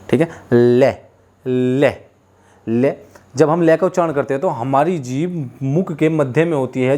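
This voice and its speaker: A man's voice: on the high side, darkish tone. A man teaching a Hindi lesson, repeating sounds and explanations and asking students to say them with him. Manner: repetitive, drills sounds aloud for students; addresses viewers as children and friends. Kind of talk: classroom lesson on pronunciation.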